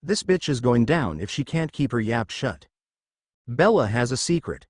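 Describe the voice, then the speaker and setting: A man's voice: mid-range voice, sing-song, moderate pace, no room sound, clean studio sound. A man reading a dramatic first-person story aloud with an intense delivery. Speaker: narrator.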